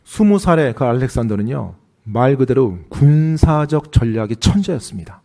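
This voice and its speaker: A man interpreting a sermon phrase by phrase, with lively, rising questions to the congregation. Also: medium pitch, moderate pace.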